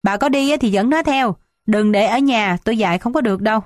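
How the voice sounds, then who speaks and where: A woman voicing a stern, irritable old village patriarch in an audiobook, gruff and scolding. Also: a little high, brisk, no room sound, studio quality, lightly acted. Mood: angry.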